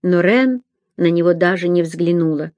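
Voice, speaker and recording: A woman reading an audiobook in a measured, even storytelling voice. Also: fairly low pitch, no room sound, muffled recording. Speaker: audiobook narrator. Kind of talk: scripted narration.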